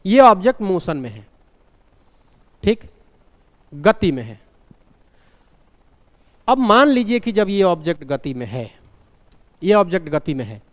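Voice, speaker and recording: A man's voice: sits high, very animated, a little slow, long pauses. A man teaching a live physics class, terms into his talk and repeatedly quizzing his students. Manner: questioning, repeats key points. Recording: long reverb from a large room.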